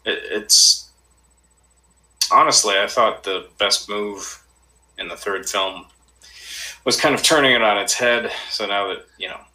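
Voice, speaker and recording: Deep man with a sharp, bright edge. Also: unhurried, long pauses, rough recording. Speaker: podcast co-host. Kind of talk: casual chat.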